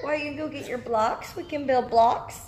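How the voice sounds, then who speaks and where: A woman's voice: high-pitched, normal speed. A young woman, a mother chatting casually and coaxing her small child at home, recorded on a phone. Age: young adult. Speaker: mother vlogging with her toddler. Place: indoors at home, living room and laundry area. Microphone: phone at arm's length. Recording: echoey room with clear background noise.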